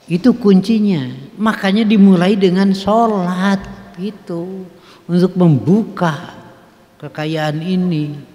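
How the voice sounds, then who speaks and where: A man's voice: high-pitched, steady tone, takes it slowly, pauses often, warm tone. A man with a Sundanese accent giving a folksy mosque sermon, putting questions to his listeners. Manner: folksy, mixes in regional phrases, asks the audience questions, chuckles. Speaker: preacher. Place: mosque hall. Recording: long hall reverb.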